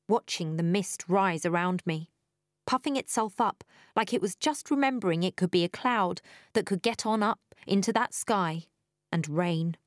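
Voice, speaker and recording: Woman, audiobook narration, unhurried, dry close sound. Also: on the low side, dry recording. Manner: wry, breathless in tense moments. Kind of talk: first-person audiobook narration.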